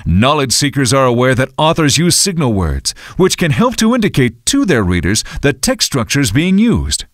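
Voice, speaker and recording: A man's voice: medium pitch, very animated, normal speed, a bit bright, no room sound, studio quality. A man narrating a scripted educational show in an explanatory, upbeat way.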